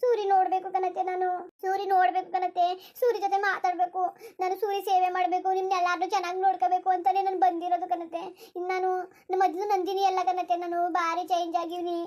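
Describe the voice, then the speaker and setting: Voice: very high-pitched, completely flat delivery, quick pace, a little mellow. A voice actor playing a young daughter-in-law in a cartoon, begging and pleading. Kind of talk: cartoon voice acting.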